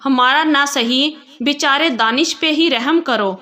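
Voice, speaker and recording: A woman's voice: sits high, pushed and bright. A woman voicing a bitter older mother-in-law who scolds harshly.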